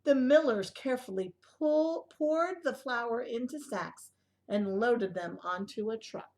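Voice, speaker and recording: A picture book is read aloud for young children by an early childhood storyteller with a higher voice. Her expressive, child-directed delivery includes asides and pauses to ask the listeners questions.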